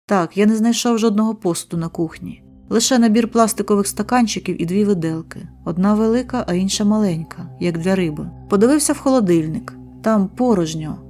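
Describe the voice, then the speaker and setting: A woman narrates a first-person horror story. She reads in short, clipped sentences with a tense, steady delivery. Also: medium pitch.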